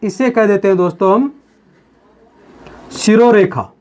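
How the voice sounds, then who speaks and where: A man teaching a grammar lesson on video. He talks slowly and repeats himself, calls the viewers his friends, and asks questions that he then answers himself. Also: high voice, a little mellow. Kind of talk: video lesson explaining at a board.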